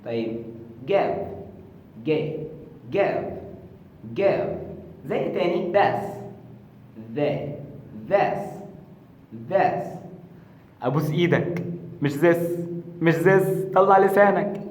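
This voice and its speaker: A man with an Egyptian accent teaching English pronunciation in a casual lesson, repeating words slowly for drills and making playful asides. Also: on the high side, lively intonation, darkish tone, slight background noise. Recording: very echoey room with long reverb.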